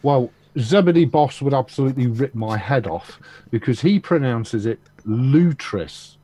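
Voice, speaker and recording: English guy on a zoom call, mellow voice, chatty and emphatic, bit of faint hiss. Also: mid-range voice, lively intonation, moderate pace. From England. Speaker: video chat guest. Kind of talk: casual group chat. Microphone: video call.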